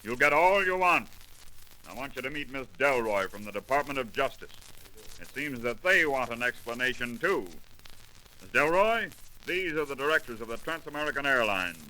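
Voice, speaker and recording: An actor playing a brusque, harried American airline boss in a 1930s radio drama, clipped and commanding. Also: male voice, mid-range voice, expressive, normal speed, pushed and bright, poor audio. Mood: gruff, exasperated. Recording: old 1930s radio recording, faint noise.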